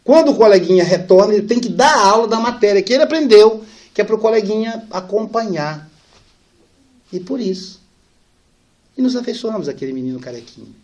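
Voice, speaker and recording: Brief: middle-aged male spiritist speaker, animated storyteller, fairly high voice, acts out the dialogue. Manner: animated storyteller, acts out dialogue, drops soft and slow for sad parts. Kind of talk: storytelling lecture.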